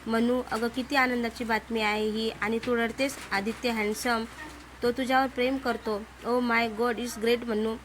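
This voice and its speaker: A woman voicing an eager, urging young female flatmate. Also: a little high, normal speed, a little hiss or hum, close to an everyday voice.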